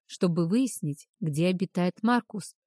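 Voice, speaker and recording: A woman voicing a female werewolf who explains things in a hushed, low, matter-of-fact tone. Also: expressive, measured pace, no room sound, studio quality. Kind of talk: audiobook character voice.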